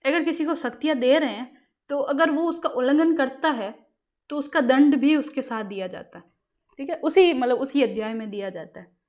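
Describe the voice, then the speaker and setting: Higher-voiced woman teaching exam material. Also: normal speed, a little mellow. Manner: repeats questions to the class and answers them herself. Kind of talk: casual classroom lecture.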